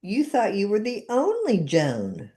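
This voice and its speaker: A woman's voice: medium pitch, wildly swooping pitch, a little slow, warm tone. A woman in her seventies hosting a podcast, chatting casually and repeating guided phrases after her guest. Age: 70s. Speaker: podcast host and therapist.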